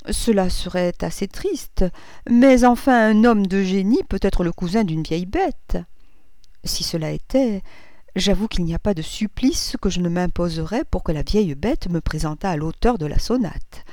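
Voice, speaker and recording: Woman reading as a witty, refined gentleman. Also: mid-range voice, animated, normal speed, no echo, close to an everyday voice. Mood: ironic. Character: witty, refined male gentleman, amused and ironic.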